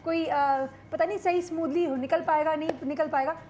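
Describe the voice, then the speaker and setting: A woman hosting a morning show, lively and teasing as she chats with guests. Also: high voice, fairly quick, a little hiss or hum. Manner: lively, teasing, laughs often. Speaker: host.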